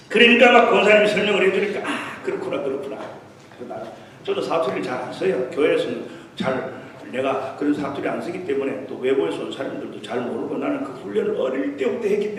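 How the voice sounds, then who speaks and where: Recorded at a distance in a reverberant church sanctuary, a middle-aged visiting revival pastor weaves anecdotes into his sermon and slips in English terms. He speaks at a medium pitch with a fairly bright tone, over slight background noise.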